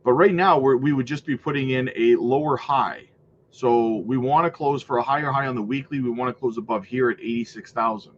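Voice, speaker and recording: A crypto livestream host with a stuffy cold walks through price charts and gives upbeat shout-outs to viewers, often tacking on "right?" and "man." His voice is mid-range and brisk, and the recording has its highs cut off with a little hiss or hum.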